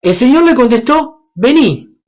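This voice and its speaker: A man's voice: sits high, expressive, measured pace. A man from Paraguay, preaching a sermon and asking the congregation questions as he acts out the Bible characters. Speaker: guest preacher.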